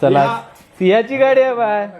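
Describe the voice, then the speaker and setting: A man's voice: very high voice, normal speed, muffled recording, a little hiss or hum. A man in his thirties from Konkan, chatting casually as he vlogs a village visit with his little daughter. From Konkan, Maharashtra. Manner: chatty, talks to his small daughter in a lively sing-song. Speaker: vlogger. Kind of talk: casual walking vlog.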